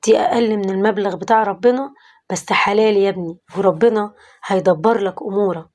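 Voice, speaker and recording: A woman voicing a kindly older male priest who talks gently and in a fatherly way, with an Egyptian accent. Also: medium pitch, fairly even intonation, fairly quick, natural voice. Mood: tender. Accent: Egyptian Arabic.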